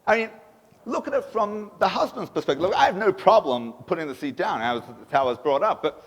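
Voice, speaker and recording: Male rabbi, emphatic sermon delivery, high-pitched with a slightly raspy voice, long hall reverb. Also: quick pace. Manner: animated, emphatic preaching with rhetorical questions. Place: synagogue sanctuary. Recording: echoey synagogue hall.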